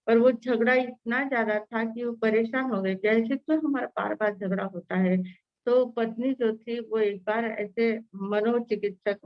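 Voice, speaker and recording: A woman's voice: mid-range voice, dry recording. Woman preaching and telling a story, lots of fillers, dry dull call sound. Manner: storytelling with many fillers and restarts. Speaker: Jain nun teaching scripture. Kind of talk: sermon with a told story. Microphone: online video call.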